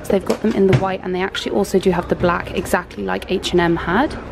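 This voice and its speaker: A woman's voice: mid-range voice, steady tone, fast, gravelly. A young British woman chatting casually about bargains while filming herself shopping in a large store. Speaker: home shopping vlogger. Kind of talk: casual shop-with-me narration. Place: large indoor homeware store. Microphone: handheld camera. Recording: noisy store ambience.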